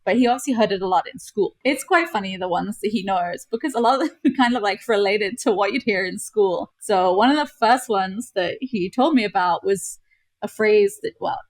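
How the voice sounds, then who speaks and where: A woman's voice: medium pitch, brisk, no echo. A young woman from Gibraltar, a podcast guest explaining things in a chatty way, often using "like" as a filler. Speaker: podcast guest, travel creator. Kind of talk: casual chat.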